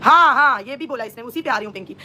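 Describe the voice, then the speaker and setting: Woman livestreaming gossip, high voice, sarcastic and scolding, mocks someone straight to their face. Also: fast, sharp tone, a little hiss or hum. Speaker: live-stream vlogger. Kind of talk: live-stream gossip commentary.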